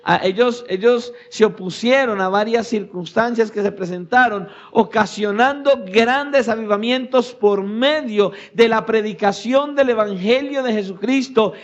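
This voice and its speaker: Male pastor, high-pitched, fiery sermon with sudden drops to a hush, muffled church recording. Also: measured pace, few pauses. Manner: preaching with sudden shouted peaks and hushed low drops.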